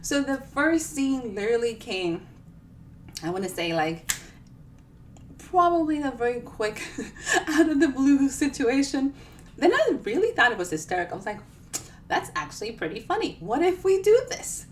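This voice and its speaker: A woman author hosts a casual live book reading, chatting with viewers in a playful, self-deprecating manner. Her high voice is sing-song at a moderate pace, picked up by a distant mic with clear background noise.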